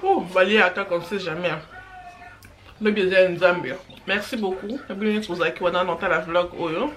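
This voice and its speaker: A woman's voice: fairly low pitch, moderate pace, a bit bright, slight background noise. Chatty woman vlogging at home. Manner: chatty, switches languages, murmurs while eating. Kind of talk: casual family vlog, mixing French and Lingala.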